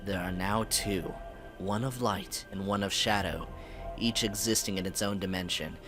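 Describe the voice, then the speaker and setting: Solemn male alien sentinel, read by a man: slow, formal, low-pitched, over game music. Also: steady tone, a bit bright. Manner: slow, measured, grave delivery.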